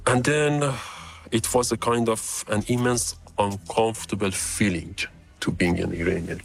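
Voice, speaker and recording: A man whose voice has been shifted down to hide who he is. The disguise leaves him very low, with a gravelly, creaky edge. He talks earnestly and haltingly, as an interviewed researcher. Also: fairly even intonation. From Iran. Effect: voice disguised by a deep pitch shift. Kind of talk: interview clip.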